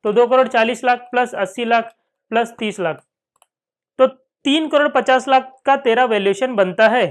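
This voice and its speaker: At a normal speed and in a very high voice, an Indian-accented finance lecturer addresses a Hindi-English class. He raises and answers his own questions, repeats important points, and dramatizes students' questions as dialogue.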